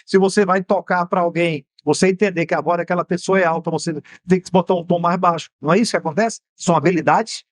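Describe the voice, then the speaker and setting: A Brazilian TV host and mentor with a Bahian accent explains finance didactically in a studio, tossing out rhetorical questions. His high voice holds a steady tone, and he talks fast with hardly any pauses.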